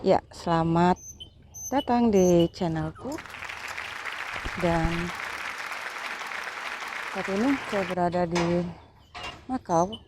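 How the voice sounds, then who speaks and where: Slow, hesitant Indonesian woman vlogger. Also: lowish voice, over a noisy crowd, very noisy. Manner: hesitant, filler-heavy. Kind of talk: casual vlog narration. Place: outdoors in a city square. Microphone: phone held by hand, no tripod.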